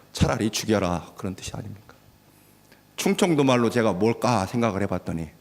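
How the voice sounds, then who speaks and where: A male pastor delivers a sermon in a church sanctuary, his voice ringing with a long hall reverb. His delivery is lively in pitch, rising to loud, stirring exhortation and then dropping to near-whispered emphasis. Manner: dramatic swings between loud exhortation and hushed delivery.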